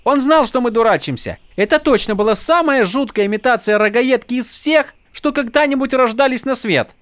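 A man reading an audiobook voices a sharp, worldly woman con artist who scolds briskly. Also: fairly high pitch, no echo, voice pushed up, natural voice. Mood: amused. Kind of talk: audiobook character voice.

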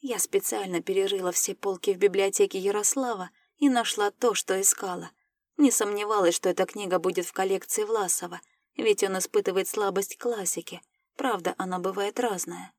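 A woman narrating a first-person fantasy story in a lively, playful audiobook reading. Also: medium pitch, a little fast, no room sound.

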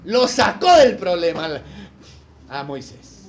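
A male pastor delivers a sermon with a fairly high voice, swinging from emphatic declarations to chuckling, colloquial asides. He speaks straight to his listeners with rhetorical questions. Faint noise hums under the recording. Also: sing-song, takes it slowly. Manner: colloquial, addresses listeners as brother.

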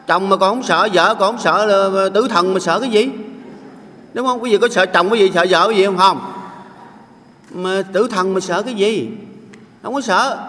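A man's voice: high-pitched, a bit bright, slight background noise. A man, a Buddhist monk, giving a jocular sermon and often asking the audience to agree. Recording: reverberant hall sound.

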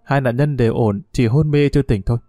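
A man's voice: mid-range voice, fast, dark tone, no echo, studio quality, natural voice. A man reading the lines of a firm young female emergency doctor in an audiobook story. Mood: calm, soothing. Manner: urgent, commanding.

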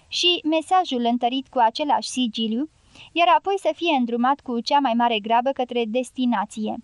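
An audiobook narrator with a slightly high voice reads a novel aloud in steady, measured, scripted narration. She gives the dialogue a light touch rather than full character voices. The recording is dry and close with no room sound.

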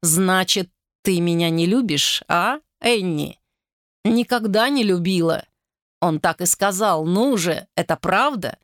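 A woman voicing a jealous betrayed husband who speaks in slow, heavy accusations, in a storybook reading. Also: sits high, animated, a bit bright, no echo, clean studio sound. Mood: menacing.

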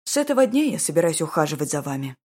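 A woman voicing a young duke in an audiobook, speaking calmly and ironically in a measured way. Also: low-pitched, slightly rough, heavily acted. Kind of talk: audiobook character voice.

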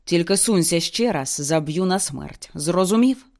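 Woman doing a young male brawler, hoarse, commanding, menacing. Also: fairly low pitch, lively intonation, a little slow. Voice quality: hoarse shouting. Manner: rough, commanding, threatening.

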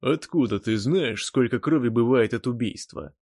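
A man's voice: medium pitch, darkish tone, no room sound, clean studio sound, natural voice. A man doing a sneering, mocking man. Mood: scornful. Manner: mocking, drawn-out taunts. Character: sneering, scornful man goading a comrade. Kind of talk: audiobook character voice.

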